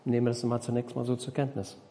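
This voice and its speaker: A man's voice: mid-range voice, completely flat delivery, fast, dark tone. A man preaching a sermon, explaining a parable and questioning his congregation, emphatic and repeating key phrases.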